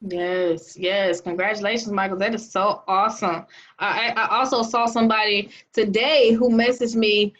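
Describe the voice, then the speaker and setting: Through a muffled recording comes a woman's medium-pitched, steady, slightly bright voice at normal speed. She's hosting an online money-making call with upbeat energy, repeatedly asking "okay?"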